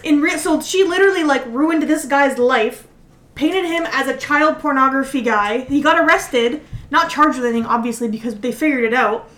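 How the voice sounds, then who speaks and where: A woman co-hosting a casual podcast, retelling a story rapidly and animatedly, peppered with "like" and swearing. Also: high-pitched, fairly bright tone. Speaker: podcast co-host. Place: indoor room, drinking with friends. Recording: echoey room.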